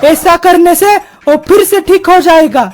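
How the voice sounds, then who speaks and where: A bossy cartoon bandit chief barks orders and scolds his sidekick, as a woman puts him on. The voice is very high and squeaky. Faint music plays behind. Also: unhurried. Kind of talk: cartoon comedy voice acting.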